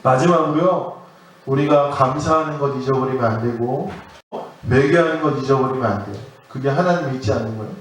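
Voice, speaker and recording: Earnest Korean pastor preaching in an echoey church. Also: male voice, mid-range voice, a little hiss or hum. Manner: earnest preaching with drawn-out stresses. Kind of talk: sermon. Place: church sanctuary. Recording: echoey church hall, mic at a distance.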